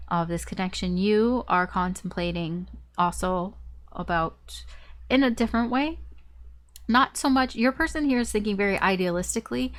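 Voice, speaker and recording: A woman giving a casual, rambling tarot reading, her voice stuffed up and nasal as if pinching her nose. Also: medium pitch. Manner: rambling, repetitive, circling back over phrases. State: congested with a blocked nose. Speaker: tarot reader.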